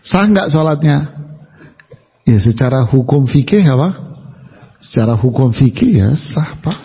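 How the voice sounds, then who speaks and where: A man's voice: medium pitch, lively intonation, measured pace, slightly rough. A man preaching a humorous sermon to a congregation, asking them questions and acting out everyday quotes. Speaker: Islamic preacher. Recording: dull, lo-fi hall recording.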